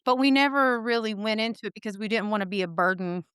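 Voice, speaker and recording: A woman in her forties with a Southern American accent chats casually as a podcast guest, laughing easily and talking in loose run-on sentences. Her mid-range voice is quick, a bit bright and smooth, with clean studio sound and no room sound.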